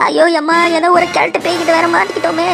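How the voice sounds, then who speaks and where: Woman doing a shrill panicky village woman. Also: flat delivery, quick pace, gravelly. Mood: frightened. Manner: shrieking, wailing "aiyo" in fright. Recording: music playing behind the voice.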